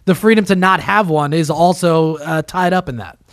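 A podcast host from New Jersey talks in a lively, casual way, full of "like" and "you know." His voice sits a little high for a man. The sound is dry and close, with no room echo. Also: moderate pace. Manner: animated, swearing, frequent "like" and "you know".

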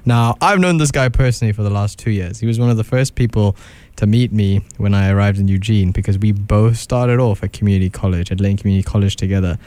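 A man's voice: lowish voice, fast talker, hardly any pauses, darkish tone, no room sound. A young man from southern Africa hosting a casual radio show. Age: young adult.

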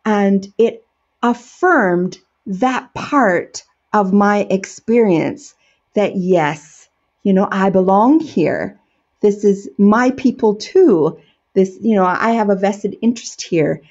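A woman's voice: mid-range voice, slow pace, darkish tone, lo-fi sound. A middle-aged American woman, an educator and storyteller, answering interview questions in an earnest, enthusiastic way.

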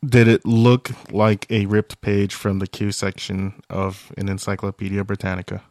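A man's voice: on the low side, flat delivery, moderate pace, darkish tone, no room sound. A man co-hosting a comedy podcast in casual chat, exasperated and confused, throwing dry quips. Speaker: podcast co-host.

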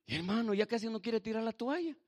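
A man's voice: high voice, quick pace. A man preaching in church, telling his own testimony to the congregation and calling the listeners brother. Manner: animated, addresses listeners as brother. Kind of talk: sermon testimony.

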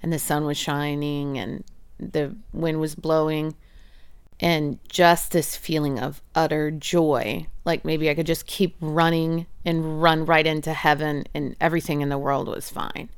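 A woman's voice: low voice, level tone, a little slow, clean tone, no echo. Earnest woman telling a personal story. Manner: earnest, emotional, acts out quoted voices. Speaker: interviewee, mother.

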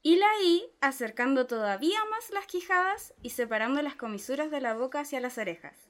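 A patient, pedantic philosophy tutor, voiced by a woman, lays out each lesson step by step. The tone sits a little high and stays methodical. It is a dramatic reading. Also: expressive, brisk, a bit bright. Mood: instructive. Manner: methodical, explanatory. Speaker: reader playing a tutor.

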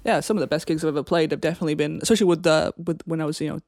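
A woman with a Welsh accent, a musician guest in a casual interview, talking in a relaxed way and patiently explaining things. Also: deep voice, very fast, no room sound. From Wales.

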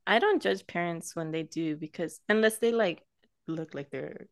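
A young woman co-hosts a podcast, chatting casually in a soft-spoken, friendly way. Her voice is lowish and her pace moderate, with a dry, clean studio recording.

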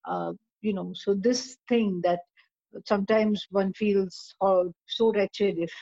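A woman guest reflecting in conversation, haltingly explaining her ideas through examples. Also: medium pitch, steady tone, dark tone, dry recording, muffled recording. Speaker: discussion guest.

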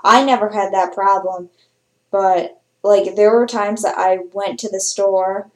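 A woman with a mid-pitched voice co-hosts a casual podcast. She talks in a meandering, chatty way and often restarts her sentences. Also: fairly even intonation, measured pace, echoey room, very noisy. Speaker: podcast co-host.

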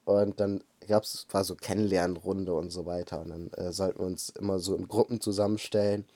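Low, mellow woman telling a story. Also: fairly quick. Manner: relaxed storytelling with fillers and laughs. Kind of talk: casual chat.

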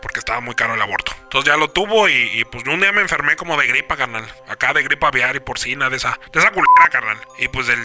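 A man calling in to tell a rambling, crude comic story about his lost little brother, full of slang and quick to take offense. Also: medium pitch, animated, sharp tone, faint music behind. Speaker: caller telling a horror story.

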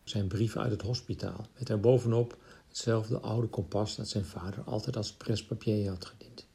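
A man reading a literary short story aloud in a calm, measured narration. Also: on the low side, gravelly.

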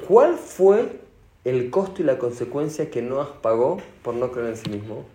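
A man with an Argentine accent giving a sermon as a rabbi, animated and asking his audience questions. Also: medium pitch, unhurried, background noise. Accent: Argentine Spanish. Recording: echoey room.

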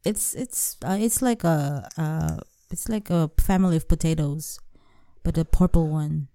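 Slow, mellow-voiced playful woman co-host. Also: deep voice, no echo, studio quality. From Philippines. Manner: playful, laughs often, short replies. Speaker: podcast co-host. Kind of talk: casual chat.

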